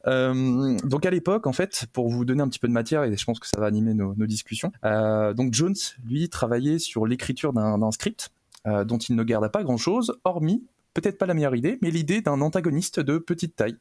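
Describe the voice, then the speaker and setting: A man's voice: medium pitch, expressive, fairly quick, darkish tone. A man presenting a film column on a casual podcast, playful and ironic, with lots of hesitations. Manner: playful, ironic, many fillers.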